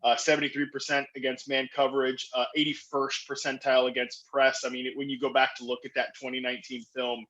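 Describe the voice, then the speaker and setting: A man's voice: medium pitch, rough recording. A man speaking as a guest analyst on a podcast, talking enthusiastically with lots of fillers and restarts. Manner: excitable, fast talker with frequent fillers and restarts. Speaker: fantasy football analyst guest.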